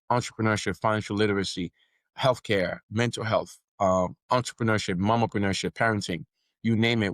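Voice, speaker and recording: In a dry recording, a confident, businesslike man of middle age, the founder of a podcast network, speaks as a guest in a relaxed interview. Haitian-born with Haitian Creole as his first language and a Haitian accent, he has a lowish voice and repeats words while building a point.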